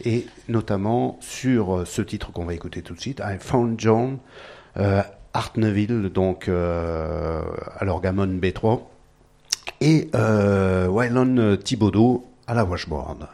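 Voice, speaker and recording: A man hosting a radio music show with a low voice. His tone is dark and mellow. He introduces tracks hesitantly, with plenty of fillers and restarts. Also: slow. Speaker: radio host.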